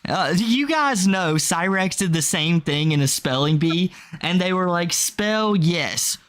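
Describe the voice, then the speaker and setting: A man's voice: sits high, measured pace, fairly bright tone. A man reacting as a streamer, with casual, amused, mocking commentary that slips into acted-out quotes.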